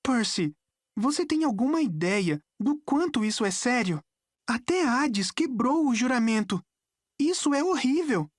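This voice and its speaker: A woman's voice: fairly high pitch, very animated, takes it slowly, few pauses, a bit bright, no echo, studio quality, pitched above the performer's own voice, exaggerated voice. Worried teen girl, insistent and earnest, put on by a woman, Brazilian accent, storybook. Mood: alarmed. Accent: Brazilian Portuguese. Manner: anxious, insistent.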